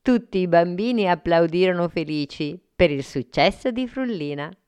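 A woman reading a children's story aloud in a calm, clear manner. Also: on the low side, moderate pace, a little hiss or hum.

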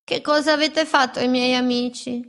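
A woman voicing a gentle, polite male wolf who is timid and bewildered, stammering when scared. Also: high-pitched, fairly even intonation, normal speed, pitched above the performer's own voice. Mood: meek.

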